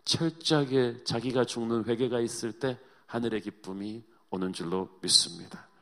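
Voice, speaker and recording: A male pastor preaching a sermon with dramatic storytelling, swinging between hushed and emphatic delivery. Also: medium pitch, moderate pace.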